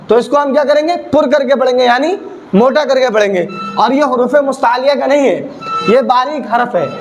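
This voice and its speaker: A man teaching Quran recitation, drilling letter sounds by asking questions and answering them himself. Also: very high-pitched. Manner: repetitive call-and-response drilling, asks and answers his own questions. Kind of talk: classroom-style teaching video. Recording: noisy background.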